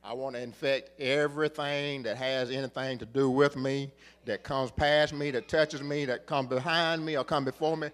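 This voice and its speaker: Middle-aged preacher guy, repeats lines, gets loud and hammers points home. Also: medium pitch, steady tone, moderate pace. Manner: builds to emphatic shouts, repeats phrases for rhythm. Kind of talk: sermon.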